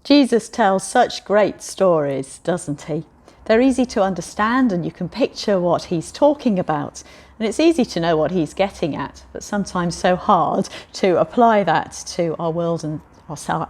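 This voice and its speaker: Woman preacher doing an all-age talk, lively storytelling, gets everyone to join in. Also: fairly low pitch.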